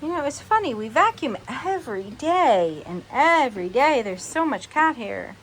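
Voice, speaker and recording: A woman's voice: high voice, sing-song, moderate pace, slight background noise, low-quality recording. A young adult woman hosting a home video, chatting casually with a child.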